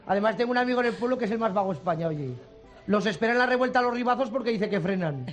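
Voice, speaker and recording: A man playing a quick, cheeky village joker with an Aragonese accent, telling jokes in quoted dialogue. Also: high-pitched, lively intonation, faint music behind, pitched above the performer's own voice. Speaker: comedian.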